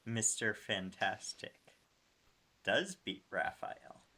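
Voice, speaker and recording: A man's voice: lowish voice, lively intonation, slow pace, pushed and bright, slightly rough. A man playing a casual improvised game in a playful, teasing way, drawing out his words. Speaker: player.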